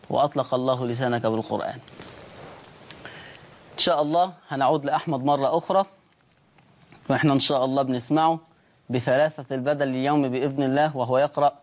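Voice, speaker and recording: A man with an Egyptian accent hosting a televised Quran recitation lesson. He speaks slowly and deliberately, drawing out example words and asking his students rhetorical questions. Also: medium pitch. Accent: Egyptian Arabic. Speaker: Quran recitation teacher and show host.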